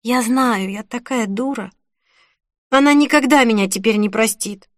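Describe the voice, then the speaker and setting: A woman reading the part of a tearful young woman who speaks softly and apologetically in an audiobook. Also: on the high side, normal speed, dry recording, clean studio sound, lightly acted. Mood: apologetic, tearful. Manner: soft, sniffling, apologetic.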